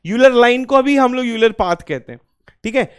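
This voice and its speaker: A man's voice: extremely high pitch, lively intonation, normal speed, clear, resonant tone. A man teaching a class, asking students questions and answering them himself, with English phrases mixed in and key points repeated. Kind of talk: classroom lecture.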